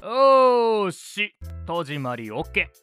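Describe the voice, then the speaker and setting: Over background music, a man with a high, sing-song, slightly bright voice plays an easygoing, somewhat forgetful father in an amateur family radio drama. He takes it slowly, speaking casually and expressively with casual concern and heavy acting, in a clean tone with no room sound.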